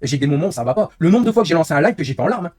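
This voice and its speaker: Fast-talking husky young man streaming. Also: a little high, very animated, a little mellow. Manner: rambling, candid, quick, frequent "hein". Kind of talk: casual live-stream chat.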